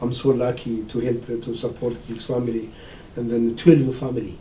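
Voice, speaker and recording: A man speaks in halting, broken phrases as a radio guest. His voice is very dark and mellow, and he sits far from the mic in a roomy space. A faint rumble runs underneath. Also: flat delivery.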